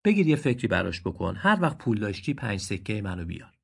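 Guy doing a plain muleteer, matter-of-fact chatty, husky. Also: lowish voice, big pitch swings, full character voice. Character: plain-spoken male muleteer.

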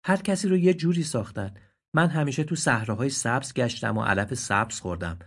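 Guy doing a proud sad gazelle, higher pitched, husky and pleading, storybook voice. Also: lively intonation, fairly bright tone. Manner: raised, pleading and indignant. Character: proud grieving adult male gazelle. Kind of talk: storybook voice acting.

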